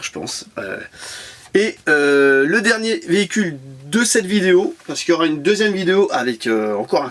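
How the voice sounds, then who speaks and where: A man's voice: mid-range voice, fairly bright tone, slight background noise. A man chatting enthusiastically as he shows off his toy car collection to camera, with lots of fillers and repeated words, recorded at home on a camera mic. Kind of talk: casual unboxing commentary.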